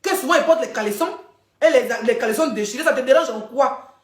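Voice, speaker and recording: Woman, high voice, animated gossip storytelling, live-stream host, echoey room. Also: fast talker. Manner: chatty, animated storytelling, addressing viewers directly. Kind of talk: casual live-stream chat.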